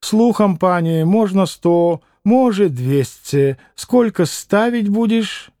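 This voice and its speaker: A man's voice: high voice, expressive, slow pace, dark tone, no room sound, clean studio sound, pitched above the performer's own voice, heavily acted. A man voicing a proud middle-aged Polish nobleman who speaks with a Polish accent in a haughty drawl.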